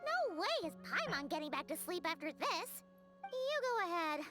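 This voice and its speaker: Squeaky, sassy little fairy Paimon. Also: female voice, sing-song, moderate pace. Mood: chirpy. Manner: squeaky, sassy, exaggerated third-person talk. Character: tiny childlike female fairy companion, chirpy and suspicious. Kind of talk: anime game voice acting. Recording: music behind the voice.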